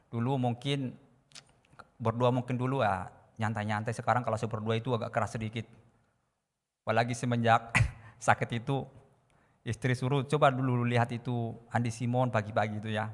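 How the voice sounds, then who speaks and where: A man giving a testimony in a church service. He speaks fervently and sometimes shouts prayers. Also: medium pitch, level tone, fairly quick, pauses often, big-room sound. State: recovering from illness. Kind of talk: sermon testimony.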